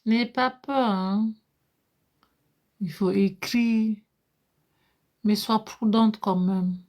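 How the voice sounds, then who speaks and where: Slow-talking woman livestreaming from home. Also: mid-range voice, fairly even intonation, darkish tone. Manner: switches between English and French, repeats words, laughs often. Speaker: livestream host. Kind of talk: casual livestream chat. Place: home, at night.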